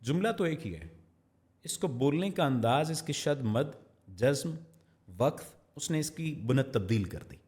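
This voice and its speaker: A man, a voice-over artist giving a reflective podcast interview, measured, quoting poets and slowing down for emphasis. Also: mid-range voice, expressive, a little mellow. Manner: measured, quotes poets and sayings, slows for emphasis.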